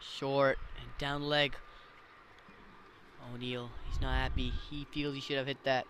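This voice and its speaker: A man giving live ball-by-ball cricket commentary as a commentator who gets excitable at big moments. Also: mid-range voice, unhurried, slight background noise.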